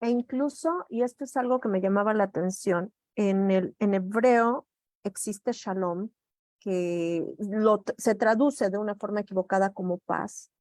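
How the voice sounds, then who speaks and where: A woman's voice: medium pitch, a little slow, a little mellow, no room sound, studio quality. A woman hosting a conversation, engaged and affirming as she builds on her guest's points. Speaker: host. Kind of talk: conversational discussion.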